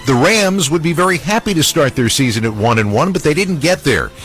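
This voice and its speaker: Male highlight-show host, higher voice, emphatic scripted recaps, light music bed. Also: fairly bright tone, low-quality recording. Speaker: sports radio host.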